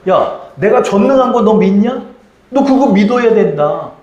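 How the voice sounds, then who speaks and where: A man's voice: high voice, animated, moderate pace, darkish tone, lo-fi sound, voice pushed up. A man voicing God as blunt and insistent, speaking in casual, teasing everyday words. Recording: echoey church sanctuary.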